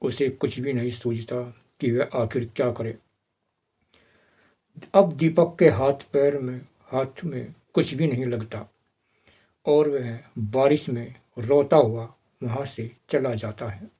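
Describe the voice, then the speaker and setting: A man narrating the plot of an old film in plain, steady storytelling. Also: medium pitch, takes it slowly, breathy edge.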